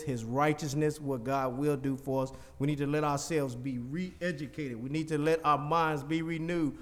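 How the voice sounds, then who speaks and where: A man preaching a sermon, reading scripture in King James wording and explaining it in plain conversational speech with emphatic repetition. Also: a little high. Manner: rising, emphatic delivery with frequent repetition.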